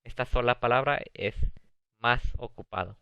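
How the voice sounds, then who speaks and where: A man teaching an ESL video lesson, reading English example sentences slowly and explaining them in Spanish. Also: medium pitch, pushed and bright, clean tone, no echo. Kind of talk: recorded video lesson on comparative adjectives. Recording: dull, dry lo-fi sound.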